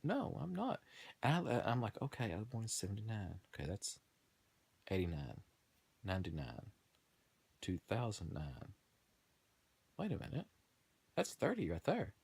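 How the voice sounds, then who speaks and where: A man's voice: on the low side, wildly swooping pitch, normal speed, vocal fry, pauses often, a little mellow, breathy edge. A man in his thirties talking in a rambling, casual monologue, trailing off, restarting and laughing at himself. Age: 30s. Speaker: gaming video host.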